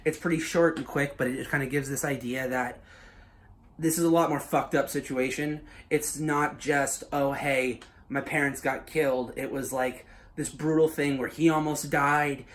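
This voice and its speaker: Youtuber guy telling his story all loose, lots of swearing and ums, kinda high voice. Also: steady tone, normal speed. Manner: loose, swearing, heavy with filler words. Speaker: YouTuber pitching his own fan story. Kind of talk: casual spoken story pitch.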